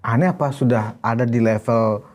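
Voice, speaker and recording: A man hosting a talk-show interview. He puts leading, agreeing questions to his guest in an easy, soft-spoken way. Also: mid-range voice, moderate pace, faint music behind. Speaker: host.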